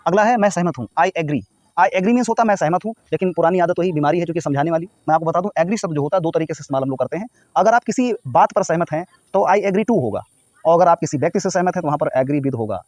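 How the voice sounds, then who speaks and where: A man's voice: on the high side, lively intonation, fast, a little mellow, dry recording. A man from North India teaching everyday English phrases, explaining each one and spelling words out letter by letter. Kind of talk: spoken English lesson.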